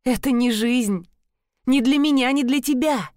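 Woman doing a higher, upset little-sister voice in an audiobook, pleading, close and dry. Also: unhurried, a little mellow, no echo. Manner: emotional, rising and pleading. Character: young woman, frightened and resentful sister. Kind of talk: audiobook character voice.

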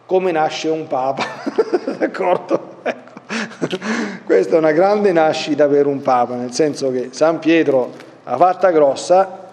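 A man with a fairly high voice teaching on the Gospel as a priest, chatty and explanatory. His words ring out with a long reverb, as in a large church hall. He checks in with his listeners as he goes. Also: mellow. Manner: conversational, explains and asks the listeners. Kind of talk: Bible teaching talk.

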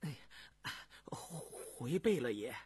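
A man voicing a fawning, nervous imperial grain official who grovels and stammers, with a husky voice. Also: mid-range voice, expressive, slow pace, mellow, pitched below the performer's own voice, full character voice. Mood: flustered. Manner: obsequious, stammering when flustered.

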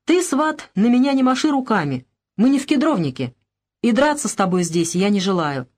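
A woman's voice: fairly high pitch, big pitch swings, fairly quick, a little mellow. Woman doing a stubborn old village grandfather. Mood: indignant. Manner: firm, indignant, calling out.

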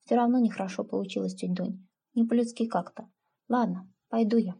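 A woman's voice: mid-range voice, steady tone, fairly quick, creaky, dark tone, slightly rough. A woman voicing a timid, earnest young village woman who pleads and defends herself.

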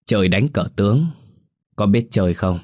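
A man puts on a gruff old ghost who keeps a graveyard, scolding and coarse, mocking the boy he scares. The voice sits very low and sounds close and dry, as if read for an audio ghost story. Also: lively intonation, normal speed, a little mellow, no echo.

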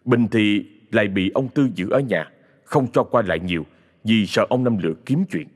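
A man with a Southern Vietnamese accent narrating a ghost story in a dramatic, expressive way. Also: lowish voice, moderate pace.

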